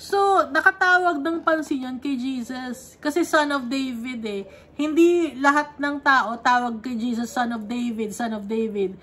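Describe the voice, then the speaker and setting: A woman's voice: sits high, a bit bright. A woman leading a conversational Bible study, reading verses and explaining them, often checking in with her listeners. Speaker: Bible teacher.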